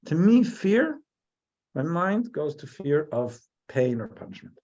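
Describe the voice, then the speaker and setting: This American rabbi from New Jersey, leading a Torah class, has a slightly high, darkish voice and takes his time while staying very animated. Thinking aloud, he frequently stops, starts over, and repeats words. Audio quality is dull and lo-fi.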